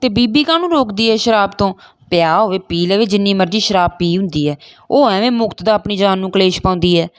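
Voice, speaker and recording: A woman's voice: mid-range voice, lively intonation, quick pace, smooth, no room sound, clean studio sound, voice pushed up, close to an everyday voice. A woman reading the part of a grieving village mother, tearful and pleading, with a raised, lifted voice. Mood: indignant. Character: middle-aged Punjabi village mother, grieving for daughter.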